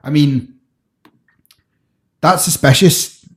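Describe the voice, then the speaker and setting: Cohost guy cracking jokes, slightly high voice, roomy echo. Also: drawn-out words. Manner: bantering, wisecracking. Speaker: podcast co-host. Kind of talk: casual podcast chat. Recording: echoey room.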